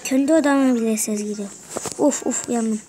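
Excitable high-voiced young gamer girl. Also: normal speed, faint music behind. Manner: excitable, swearing, frustrated muttering. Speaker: gaming channel host. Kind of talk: casual gameplay commentary. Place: bedroom at home.

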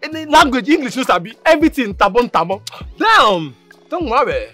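An actor in a film drama playing a student who loudly taunts and scolds a classmate, in a Nigerian Pidgin accent. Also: male voice, extremely high pitch, big pitch swings, a little fast, soft background music, heavily acted.

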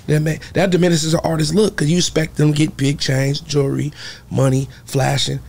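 A young man from Kansas talking candidly as a guest in a podcast studio, with halting restarts. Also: on the high side, little pitch movement, gravelly, a little mellow. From Kansas, USA. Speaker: guest artist. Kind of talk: casual interview talk. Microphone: studio mic on boom arm.

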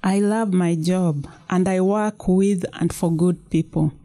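An earnest young woman pleading with her parents, as a woman reads her out from a novel, her words slow and careful. The voice sits a little low and sounds soft and mellow. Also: steady tone.

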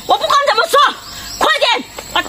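A woman playing a frantic robbery victim in an amateur skit, accusing and shouting at a stranger. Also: very high voice, animated, quick pace, noisy background. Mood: furious. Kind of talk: amateur comedy skit acting. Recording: background music over voice.

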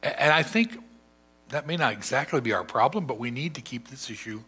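A man's voice: mid-range voice, expressive, a little fast, sharp tone, husky. An older man, a pastor, preaching a sermon from a lectern in a large church sanctuary, in a thoughtful, conversational way with frequent restarts.

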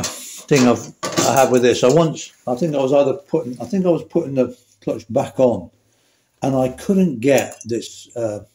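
A man's voice: medium pitch, mellow, roomy sound. A man demonstrating a motorcycle repair in a workshop, chatty and correcting himself as he works. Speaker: motorcycle mechanic. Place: indoor workshop.

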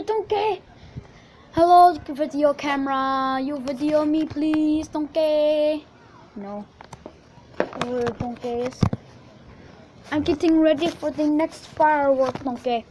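Woman doing a goofy ogre in a home video, high voice, slow talker, keeps saying donkey. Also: a little mellow, a little hiss or hum. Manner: playful, calls everyone donkey. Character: jumpy, childlike male ogre vlogger. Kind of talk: homemade role-play vlog. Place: outdoors at night, then indoors at home. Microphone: handheld video camera.

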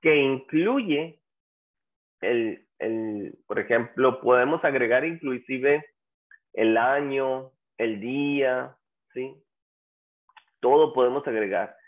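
Slow, lively-pitched male teacher over tinny audio. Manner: patient, repeats example phrases slowly for drilling; asks the class questions and prompts them to answer. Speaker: English teacher. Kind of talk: classroom language lesson.

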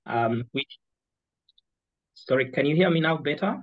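A man's voice: fairly high pitch, expressive. Man on a choppy, breaking-up video call. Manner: halting, many fillers. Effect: choppy, breaking-up video call audio. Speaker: presenter. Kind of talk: webinar presentation. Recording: dull lo-fi video call audio.

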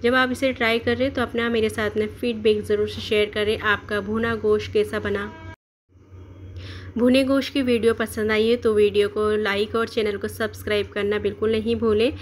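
A woman's voice: mid-range voice, moderate pace, slight background noise. Woman narrating a home cooking recipe. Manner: steady instructional, explains each step and options. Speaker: cooking channel host. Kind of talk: step-by-step cooking voice-over.

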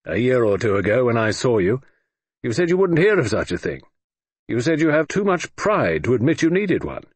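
A man reading an audiobook, voicing a gruff, blustering old retired admiral who speaks in brusque, clipped grumbles. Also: mid-range voice, big pitch swings, moderate pace, no echo.

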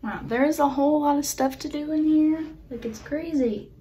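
A woman with a high, mellow voice narrates a laptop unboxing indoors. She speaks slowly, gasps with excitement, and often drops to a whisper. A faint hiss sits under her voice. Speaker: vlogger. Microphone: camera on a tripod.

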